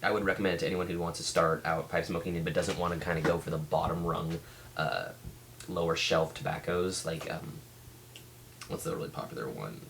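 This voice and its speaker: Low voiced guy doing a rambly casual review, keeps stopping and restarting, bit of noise behind him. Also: vocal fry, fairly bright tone. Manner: halting, with many restarts and trailing thoughts. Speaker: pipe tobacco reviewer.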